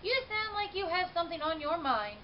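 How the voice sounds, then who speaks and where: A friendly night cleaner from a children's storybook, played by a woman, speaks heartily and fondly. The pitch is raised. The sound is muffled, with faint hiss. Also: big pitch swings, fairly quick, far from the mic. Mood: hearty, fond. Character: friendly, kindly man, a lonely night-shift cleaner. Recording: muffled, hissy recording.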